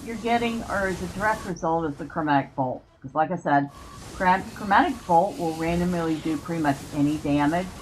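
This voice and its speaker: A woman's voice: fairly low pitch, brisk, slight background noise, rough recording. A woman giving casual gameplay commentary, thinking aloud and explaining her choices as she plays. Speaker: gamer commentating on own play. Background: music.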